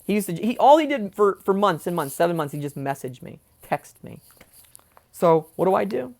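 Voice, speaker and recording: Gravelly, heated young man venting. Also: sits high, expressive, moderate pace, a little mellow. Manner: angry, swearing, goes off on tangents. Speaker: vlogger. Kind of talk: ranting personal vlog.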